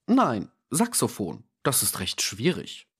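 A man's voice: mid-range voice, huge pitch swings, slow, breathy edge, full character voice. A man voicing a pious, prim manservant who speaks meekly in an audiobook. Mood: prim politeness. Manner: meek and prim. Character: pious, prim male servant, gently indignant.

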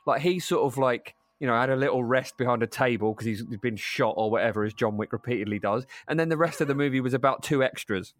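A man's voice: mid-range voice, quick pace, hardly any pauses, dry recording. A man co-hosting a football podcast, ranting in casual chat with frequent restarts. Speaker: podcast co-host.

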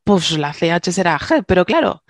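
A woman's voice: on the low side, sing-song, normal speed, dry recording, studio quality. A woman co-hosting a casual science podcast, a linguist who chats, jokes and explains things with digressions. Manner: chatty, joking, explains with digressions.

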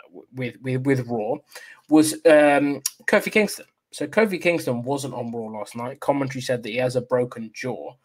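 In a mid-range voice, a man hosts a wrestling news show, chatting casually and often stopping and restarting his sentences.

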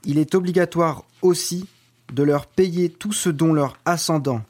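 A man's voice: on the high side, unhurried, a little mellow. A man playing an indignant seventeenth-century missionary priest, reading historical writings in a solemn, declamatory way over music. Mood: solemn insistence.

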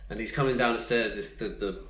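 A man's voice: lowish voice, fairly quick, reverberant. A man, a podcast co-host, telling an anecdote in casual chat and acting out the voices of the people in it. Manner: animated storyteller, mimics voices in quotes.

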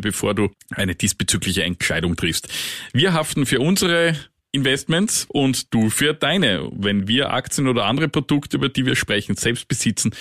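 A man co-hosts a finance podcast in a measured, wry manner. His voice sits mid-range and is recorded dry and close. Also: mid-range voice, fairly bright tone, no room sound. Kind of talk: casual chat and read disclaimer.

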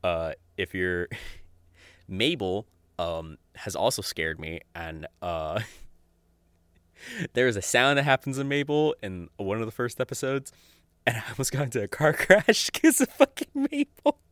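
This podcast host, fairly low in pitch and fairly bright, talks a little slowly but in a very animated way. He rambles casually through audio drama recommendations, enthusiastic and sweary, with frequent chuckles. No room sound is audible.

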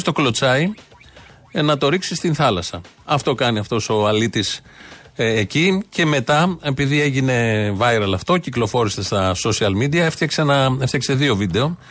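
A man's voice: medium pitch, fairly bright tone. Sarcastic man hosting a commentary show. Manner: mocking, ironic. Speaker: radio show host. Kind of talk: sarcastic commentary on news clips.

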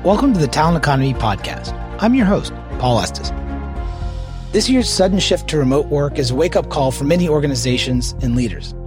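A man's voice: on the high side, animated, brisk, over music. A man hosting a podcast, reading a polished scripted intro and then asking curious interview questions. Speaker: podcast host.

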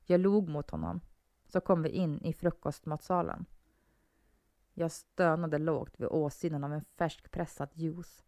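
Brief: woman narrator with a low, creaky voice, dry close sound, steady horror reading. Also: no room sound. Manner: calm, measured reading. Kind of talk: first-person horror story narration.

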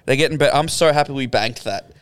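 A man's voice: mid-range voice, fast talker, smooth, no room sound. An Australian man hosting a casual podcast, rambling and jokey, with plenty of swearing. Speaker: podcast host. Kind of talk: casual banter. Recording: dry, with music behind.

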